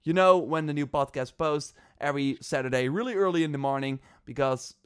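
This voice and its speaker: A man's voice: a little high, a little fast, clear, resonant tone, no echo, studio quality. A man from the Netherlands hosting a podcast, talking casually with lots of fillers and restarts. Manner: chatty, loose, many fillers and restarts. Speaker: podcast host.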